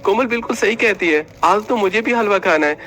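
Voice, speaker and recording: A man's voice: sits high, a little fast, a bit bright, pitched above the performer's own voice. A man voicing a demanding young brother-in-law in a cartoon, coaxing and pushy.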